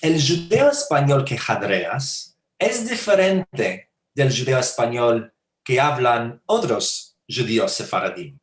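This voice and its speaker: A man hosting an interview, gently asking his guest questions, heard in an echoey room. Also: mid-range voice, very animated, slow. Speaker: host.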